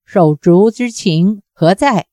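A woman's voice: mid-range voice, slow pace, no echo, clean studio sound, natural voice. A woman voicing a bitter, vengeful old woman who berates and demands revenge in a raised voice. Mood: fierce. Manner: shouting harsh reproaches.

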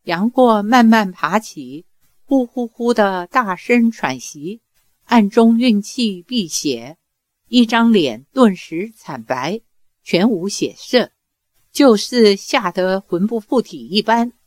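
A woman narrating a martial-arts novel aloud in a slow, measured storytelling style. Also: medium pitch, very animated, no room sound.

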